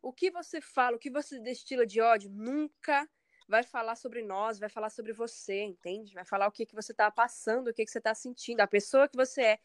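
A woman's voice: fairly high pitch, a little fast, dry recording. Candid Brazilian woman singer, dry sound. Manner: candid, emphatic, acts out others' comments. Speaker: singer being interviewed. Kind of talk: casual interview talk.

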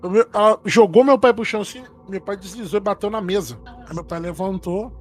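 A man's voice: high-pitched, a little fast. A man with a Brazilian accent telling a spooky story to friends in a casual chat, acting out the quoted lines. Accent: Brazilian Portuguese. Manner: animated retelling, acts out quoted lines.

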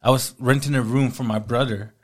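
A man's voice: medium pitch, a little fast. A man in his thirties telling his life story as an interview guest, casually and with lots of acted-out dialogue. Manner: animated, acts out quoted dialogue.

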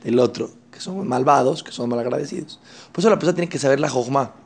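A male teacher leads a religious class. He talks in an animated way, jumping into the voices of the people in his examples. His pitch sits in the middle range. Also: fast talker, vocal fry, husky. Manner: animated, acts out quoted people. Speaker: Torah teacher. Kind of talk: religious lesson.

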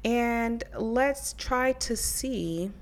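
A young woman hosts her own casual solo podcast from her living room, speaking candidly into a handheld mic, cursing freely and laughing often. Her voice is a little high and very slow.

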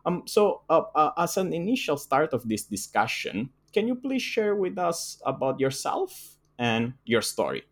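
A man's voice: a little high, very animated, measured pace. A man hosting a podcast, reading a formal introduction and then asking his guest questions. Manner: formal, reads intro text. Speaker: podcast host.

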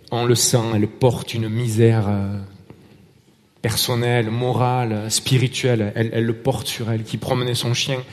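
A man's voice: mid-range voice, a little mellow. Male preacher, accented french, storytelling sermon, hall reverb. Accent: foreign accent in French. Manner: conversational storytelling, with hesitant restarts.

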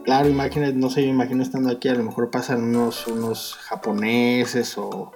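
A man's voice: mid-range voice, little pitch movement, fairly quick, vocal fry, darkish tone, soft background music. Slangy, foul-mouthed Mexican man on a podcast. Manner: crude, slangy, joking, swears constantly. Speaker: podcast co-host. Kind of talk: casual chat.

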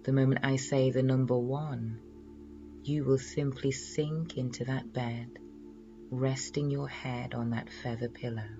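A man leading a guided relaxation in a slow, soothing hypnotist's manner, measured and full of pauses. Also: mid-range voice, flat delivery, muffled recording, music in the background.

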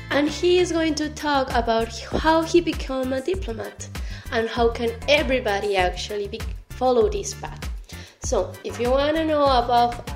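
A woman from Ecuador hosting a casual interview, speaking with enthusiasm. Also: on the high side. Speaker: host. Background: music.

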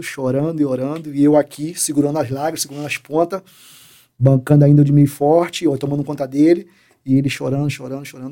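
A man, a police sergeant telling a personal faith story in an interview, acting out dialogue and sinking very low at emotional points. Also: mellow. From Rio de Janeiro, Brazil. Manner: emphatic storyteller who acts out dialogue and drops very low in emotional moments.

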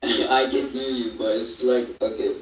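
A man's voice: mid-range voice, little pitch movement, measured pace, fairly bright tone. A young man rambles and swears casually in loose podcast banter. His voice comes through muffled, as if from behind a wall, far from the microphone. An echoey room and a faint hiss sit around him. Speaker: podcast co-host. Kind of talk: casual chat among friends. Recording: roomy echo, distant mic, faint hiss.

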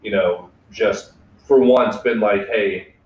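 A man's voice: on the low side, a little slow, recorded from a distance. A young man hosting a casual podcast, talking candidly and reflectively, swearing freely and leaning on filler words. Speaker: podcast host. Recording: echoey room, away from mic.

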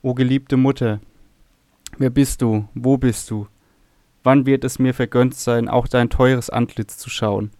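A man's voice: medium pitch, fairly even intonation, a little slow, a little mellow, no room sound, clean studio sound, natural voice. A man reading a sorrowful young temple servant. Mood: longing. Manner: earnest, sorrowful.

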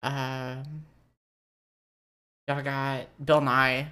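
A woman's voice: a bass voice, flat delivery, drawn-out words, sharp tone, clear, resonant tone. A woman co-hosting a casual comedy chat, swearing freely and joking in loose rants. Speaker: co-host.

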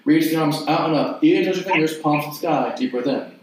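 A man leading an exercise class, giving short, clipped cues and counting repetitions in a measured rhythm. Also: a little high, background noise. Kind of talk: guided mat exercise instruction with counted repetitions. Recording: very echoey room, distant mic.

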